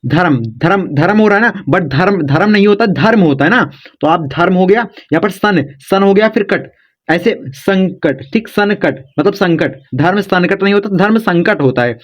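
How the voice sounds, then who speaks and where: Man, high voice, casual lesson, coaxing and repetitive, slightly dull lo-fi sound. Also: lively intonation, a little fast. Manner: repetitive, coaxing, says "dekho" and "yaar" often. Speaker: teacher.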